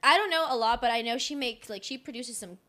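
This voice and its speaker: A young adult woman co-hosting a podcast in casual chat, animated and openly personal, laughing often. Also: a little high, fast, no echo. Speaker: podcast co-host.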